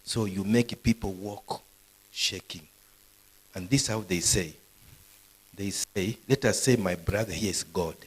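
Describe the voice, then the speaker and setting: A man's voice: deep voice, husky, poor audio. A man preaching a live sermon to university students, quizzing the audience with questions as he goes. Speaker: pastor. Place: university gathering.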